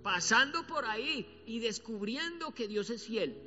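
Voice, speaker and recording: A man with a Colombian accent preaching a sermon as a pastor, colloquial and animated, acting out quotes as he tells stories. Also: very high-pitched, measured pace. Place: church. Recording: church hall reverb, dull sound, soft music behind.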